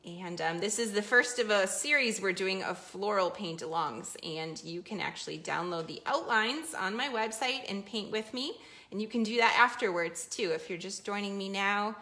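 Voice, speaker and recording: A woman hosting a live painting lesson, chatting casually while she works on the canvas. Her voice is bright and clear, with an easygoing, loose way of explaining. She talks her viewers through each step as she goes. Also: medium pitch.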